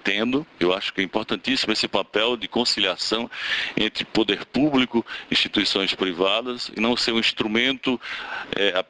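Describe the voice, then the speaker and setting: A man's voice: on the low side, normal speed, bright, forceful tone, low-quality recording. A man giving courteous, formal remarks at a public hearing, with some hesitations. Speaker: hearing participant.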